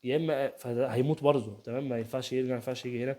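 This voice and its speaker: A man's voice: medium pitch, steady tone, warm tone. A young man with an Egyptian Arabic accent analyzing a chess game in a casual, chatty way, often checking in with the listener. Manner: rapid, chatty, keeps asking "تمام؟", voices players' banter. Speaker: chess youtuber. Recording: home setup, first video.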